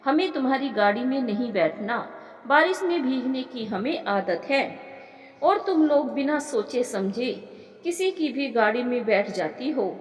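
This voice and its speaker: A sharp-tongued, suspicious college girl, as a woman storyteller puts her on, speaking slowly in a fairly high voice. The words come with a firm, scolding edge. The room is echoey with a long reverb tail. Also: animated, faint music behind.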